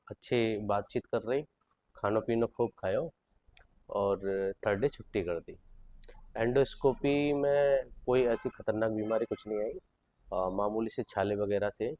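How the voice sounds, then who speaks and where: A young man with a Braj accent telling a personal vlog story, slow and halting with many pauses, grieving. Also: fairly low pitch, dark tone, dry recording. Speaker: vlogger.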